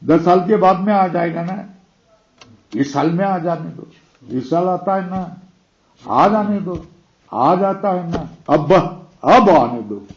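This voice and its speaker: A man giving a scripture lecture, explaining slowly, quoting verses and asking his listeners to confirm. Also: high voice, animated, lo-fi sound. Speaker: teacher of scripture.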